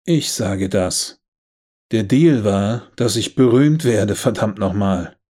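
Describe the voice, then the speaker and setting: A man voicing a young murdered woman in an audiobook, talking in a snappy, sarcastic way, raising his voice a little above his low, husky narration. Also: moderate pace, darkish tone. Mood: indignant.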